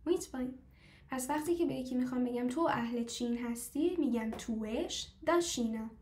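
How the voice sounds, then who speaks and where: A woman's voice: high-pitched, a little mellow, reverberant. Persian-speaking woman teaching step by step. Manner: explains step by step, asks the class questions; slows down to model foreign phrases. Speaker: language teacher. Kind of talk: live online class.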